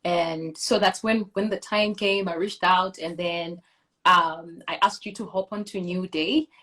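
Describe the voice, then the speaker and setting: A woman's voice: fairly low pitch, steady tone, a little slow, pushed and bright. A young woman from Zimbabwe, a singer, chatting enthusiastically as she interviews a fellow artist over a video call.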